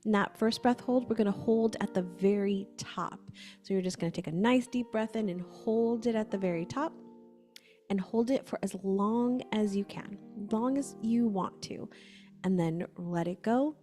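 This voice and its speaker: A woman facilitator giving gentle, conversational instructions for a breathwork session, often saying "like". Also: medium pitch, normal speed, faint music behind.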